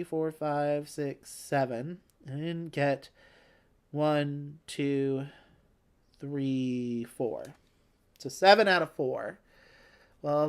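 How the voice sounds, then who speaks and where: A woman hosts a relaxed board game play-along, talking at an unhurried pace in a lowish voice. She chats and thinks aloud, often poking fun at her own play. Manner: chatty, self-deprecating, thinking aloud. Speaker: host.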